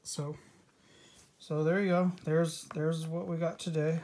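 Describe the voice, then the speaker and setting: A man co-hosting a casual home video with his wife, talking in a relaxed, rambling way and restarting sentences as he thinks aloud in a room at home. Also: a little high, unhurried, a little hiss or hum. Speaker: coin-collecting vlogger, co-host with his wife. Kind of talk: casual chat.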